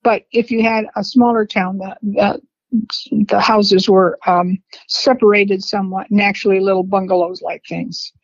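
A woman's voice: medium pitch, steady tone, no room sound. Older woman reminiscing in a dry, dull recording. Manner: unhurried, rambling storyteller who laughs between memories. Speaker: interviewee, family matriarch. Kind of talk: reminiscing conversation. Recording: dry, slightly dull lo-fi sound.

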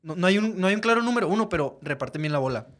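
A man's voice: high-pitched, expressive, racing. A man with a Mexican accent giving casual, blunt sports analysis as a panelist, using slang.

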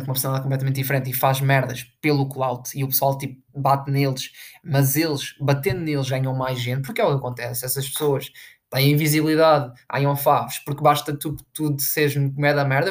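A woman's voice: rumbling low, fairly even intonation, quick pace. A young woman with a European Portuguese accent giving a profane, rambling, sarcastic commentary rant to her followers. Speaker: content creator.

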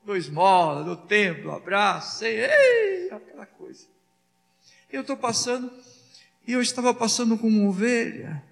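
A man's voice: high voice, moderate pace, vocal fry, big-room sound, faint music behind. A man preaching as a pastor, asking the congregation rhetorical questions and acting out little dialogues. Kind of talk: sermon.

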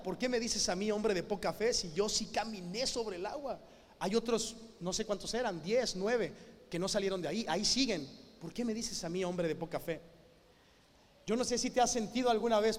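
A man preaching a sermon in a church, emphatic and full of rhetorical questions. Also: sits high. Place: church hall with a live band. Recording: long hall reverb.

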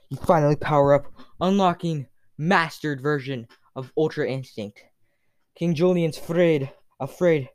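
A man's voice: mid-range voice, darkish tone, dry recording. A man telling a second-person story in a casual, unscripted way, with fillers.

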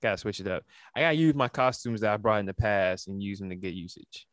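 A man co-hosting a podcast in casual chat, playful and halting, over a video call. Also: fairly low pitch, dry recording, studio quality. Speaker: podcast co-host.

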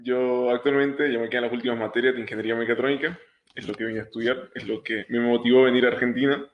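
Honduran guy in his 20s on a call, echoey room, relaxed explaining. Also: mid-range voice, quick pace, dull audio. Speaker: guest, engineering student. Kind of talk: casual interview answers. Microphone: remote call.

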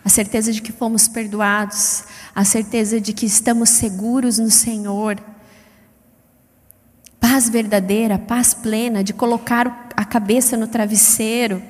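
A middle-aged woman preaching a sermon in a lively, chatty way, her pitch and loudness swinging widely. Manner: self-described fast-paced. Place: church hall. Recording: long hall reverb.

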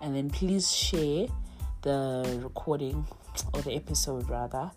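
A woman's voice: very deep voice, a little slow, darkish tone, soft background music. A young woman hosting a podcast, talking in a chatty, heartfelt way with lots of "you know"s. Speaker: podcast host. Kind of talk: casual encouraging monologue.

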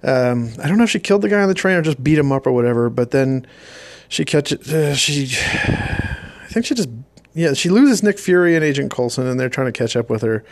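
A man's voice: mid-range voice, expressive, a little fast, no echo. Sarcastic man recapping a movie. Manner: sarcastic, mocking. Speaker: movie reviewer. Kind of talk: casual rambling movie recap.

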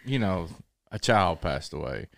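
Smooth-voiced easygoing male podcaster. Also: deep voice, sing-song, unhurried. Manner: easygoing, chuckling. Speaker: podcast co-host and evangelist. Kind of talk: casual podcast chat.

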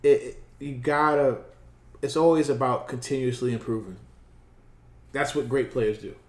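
A man's voice: medium pitch, moderate pace. Earnest man in an echoey room. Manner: earnest, advice-giving, relaxed slang. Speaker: podcast co-host. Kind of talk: casual podcast chat. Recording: roomy echo.

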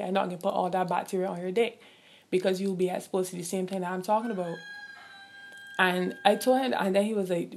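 Young Barbadian woman, solo podcast host, blunt and animated, curses freely, mid-pitched. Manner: frank, swears freely, animated rants. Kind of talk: casual solo podcast chat.

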